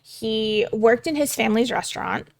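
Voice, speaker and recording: A young woman talks through her game prep out loud, rambling and swearing casually as she thinks. Her voice has a gravelly, fry-tinged edge, and the sound is dry and close. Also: fairly high pitch, moderate pace, no room sound. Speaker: game master prepping a campaign. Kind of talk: casual thinking-aloud vlog.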